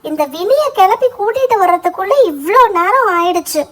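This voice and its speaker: A woman's voice: very high-pitched, animated, moderate pace, fairly bright tone. A woman voicing a cheerful, generous young girl in a doll-play story, bubbly and chatty.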